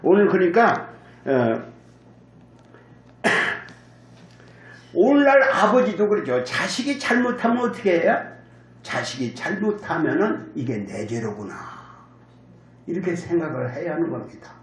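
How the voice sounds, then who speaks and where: A pastor with a voice that sits high preaches in an echoey church sanctuary, very animated yet measured, leaving long pauses. He tells the story vividly, acts out what people said and calls on the congregation for answers.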